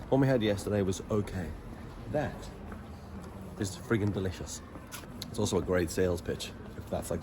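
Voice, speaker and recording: A young travel vlogger with a deep voice shares his travel stories in a laid-back way, swearing freely and chuckling through each anecdote. The background is noisy.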